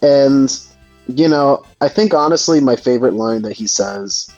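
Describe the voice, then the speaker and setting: A hesitant man hosts a casual gaming discussion, sounding reflective and searching for words. His medium-pitched voice has lively intonation and is a little slow and mellow. The dull, dry lo-fi mic has no room sound, with background music playing underneath.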